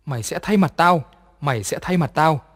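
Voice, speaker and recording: Man doing a calm young servant-girl ghost, soft and steady, slightly high voice, long reverb trailing, audio horror story. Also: moderate pace.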